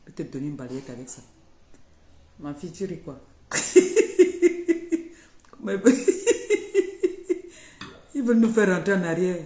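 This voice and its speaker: A woman's voice: low voice, warm tone. A woman ranting on her live stream to her followers, confrontational and threatening, repeating her warnings over and over. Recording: echoey room, faint background noise.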